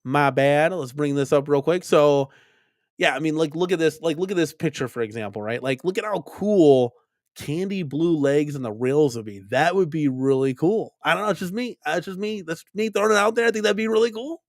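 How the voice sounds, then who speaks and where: A fairly high-voiced man talks casually into a dry, close mic, rambling as he hosts a live stream about home arcade machines. He keeps repeating himself and tags on "right?" and "like" as he thinks out loud. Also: fairly quick, no echo. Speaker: arcade collector vlog host.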